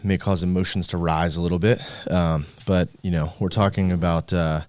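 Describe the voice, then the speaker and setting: A man's voice: low voice, flat delivery, moderate pace, darkish tone, no echo, clean studio sound. A man hosting a podcast, talking in a loose, conversational way with lots of fillers and restarts. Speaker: podcast host. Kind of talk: casual podcast chat.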